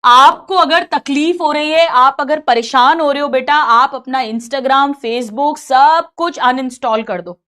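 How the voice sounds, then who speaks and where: A woman's voice: sits high, takes it slowly, pushed and bright. A middle-aged woman teacher giving a caring, motherly talk to her students, mixing English phrases in and repeating herself for emphasis. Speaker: coaching teacher.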